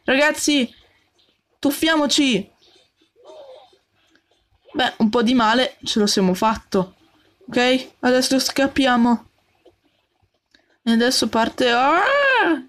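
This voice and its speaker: Gaming host, female, bright higher voice, slow unhurried delivery, jumpy with little yelps. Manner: jumpy, talks to the game character and viewers, frequent yelps. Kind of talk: let's play commentary.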